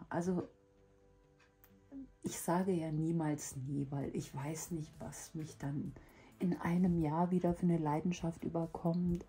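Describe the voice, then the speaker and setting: A woman chatting casually and reflectively to her viewers, hoarse from a lingering cough, her weak voice giving out and breaking into breathy whisper. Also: fairly low pitch, mellow. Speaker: hobby video host. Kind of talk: casual personal chat to viewers.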